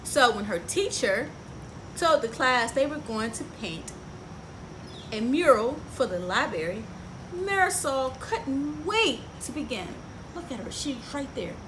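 On a porch beside some trees, a middle-aged woman reads a picture book to children in a high, very animated voice at a measured pace, asking them questions as she goes. Outdoor ambient sound is clearly audible.

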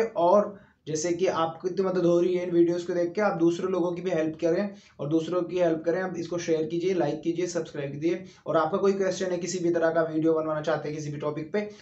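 A man from India with an Indian English accent, teaching English in a chatty video lesson, often checking in with the viewer and spelling example sentences out slowly. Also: on the high side, a little mellow. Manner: chatty, keeps checking with tags like "right?". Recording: echoey room, dull lo-fi sound.

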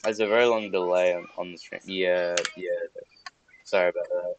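A man with a fairly low voice comments on his game stream in a loose, grumbling way, often mocking his own mistakes. Mouse clicks and steady noise sit clearly under his voice on the recording. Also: moderate pace, dull audio. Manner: frustrated, self-mocking, muttering asides while playing. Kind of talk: casual gaming livestream commentary.

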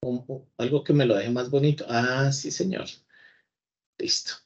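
Guy teaching code live, middle pitch, kinda dull lo-fi audio, chats with his computer. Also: unhurried. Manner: chatty, talks to the computer as if to a person. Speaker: programming teacher. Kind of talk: live coding class.

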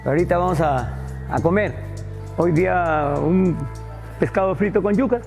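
Peruvian guy, firefighter who cooks on youtube, earnest, kind of halting, gravelly voice. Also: sits high, darkish tone, faint music behind. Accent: Peruvian Spanish. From Peru. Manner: earnest, halting, repeats words while searching. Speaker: firefighter and cooking vlogger. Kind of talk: interview and vlog talk.

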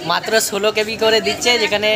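A man's voice: sits high, level tone, rapid-fire. A man vlogging casually, explaining things to his viewers from a busy railway station. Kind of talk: casual vlog report. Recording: crowd noise behind.

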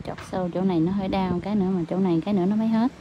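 A woman nail technician with a Southern Vietnamese accent, gently reassuring her client and explaining to viewers as she works. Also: mid-range voice, fairly even intonation, rapid-fire, dull audio, noisy background. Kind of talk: livestream commentary while working.

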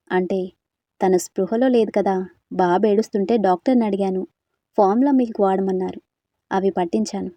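Female storyteller, mellow voice, dry close sound, narrates a romance and voices all parts herself. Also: medium pitch, dry recording. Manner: reads narration and all characters' dialogue in one voice.

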